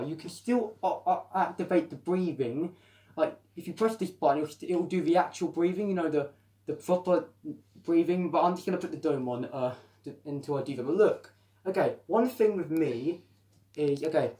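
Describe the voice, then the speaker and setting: Excited man talking through a helmet mask. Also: on the high side. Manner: chatty and excitable, with frequent restarts. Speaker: product reviewer. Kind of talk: casual product review vlog.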